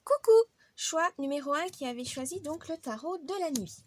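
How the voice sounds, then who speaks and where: A woman's voice: high voice, brisk, no room sound. A woman giving a casual weekly tarot reading, chatty and friendly, with frequent hesitations. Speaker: tarot card reader.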